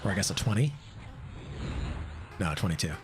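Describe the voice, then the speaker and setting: A man's voice: sits low, expressive, normal speed, noisy background. A man streaming live gameplay, chatting casually, thinking aloud and answering chat with lots of fillers. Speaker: game streamer.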